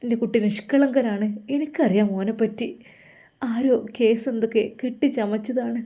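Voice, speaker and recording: A woman's voice: fairly high pitch, fairly even intonation, normal speed, dark tone, voice pushed up. A woman voicing an elderly mother, weeping and pleading for her son in an audio story. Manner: wailing, pleading.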